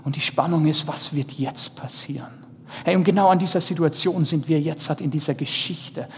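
A man preaching a sermon. He speaks straight to his listeners with rhetorical questions, and his voice swings from loud emphasis down to hushed, near-whispered lines. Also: a little high, fairly even intonation, a little fast. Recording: echoey hall with faint background noise.

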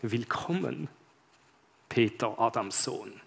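A man's voice: mid-range voice, lively intonation, slow, creaky, slightly rough, voice pushed down, heavily acted. A man reading as a solemn lion king. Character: majestic male lion king, grave and welcoming.

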